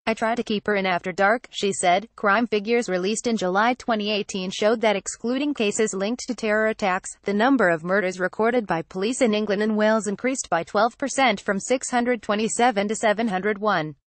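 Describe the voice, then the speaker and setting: A woman's voice: medium pitch, normal speed, few pauses, dry recording. Woman reading news in a dry voice. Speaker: news reader. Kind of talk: scripted news narration.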